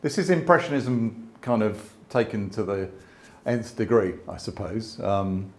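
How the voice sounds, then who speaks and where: Hesitant, low-voiced older man discussing photography. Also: a little slow, darkish tone. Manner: thoughtful, hesitant, with many restarts and asides. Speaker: landscape photographer. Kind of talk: conversational exhibition talk. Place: exhibition space before an audience.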